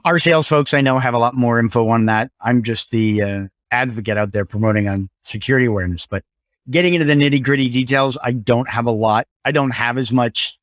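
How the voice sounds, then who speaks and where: A man who is a guest on a podcast and explains things in a measured way, using filler words. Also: medium pitch, dry recording, clean studio sound. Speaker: guest, security awareness advocate. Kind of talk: casual interview conversation.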